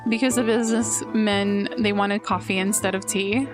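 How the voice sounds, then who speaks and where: A woman's voice: medium pitch, steady tone, normal speed. Chatty young woman streaming a game. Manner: chatty, thinking aloud. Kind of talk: casual let's play commentary. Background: game music.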